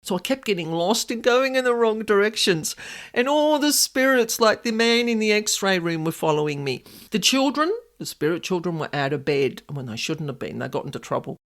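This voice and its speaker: Loud and extravagant, this middle-aged podcast host and paranormal investigator chats casually at normal speed, clearly not reading from a script. Her animated pitch rises and falls as she easily gets sidetracked, wandering between tangents.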